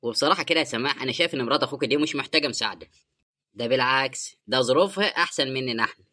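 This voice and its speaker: A man voicing a blunt, impatient husband in an animated drama, speaking Egyptian Arabic and lecturing his wife about money. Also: mid-range voice, rapid-fire.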